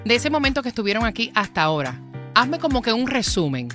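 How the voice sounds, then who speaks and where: Woman, radio host, high animated voice, teasing and playful, music bed behind. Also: fast talker. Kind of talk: lively radio interview banter. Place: radio studio.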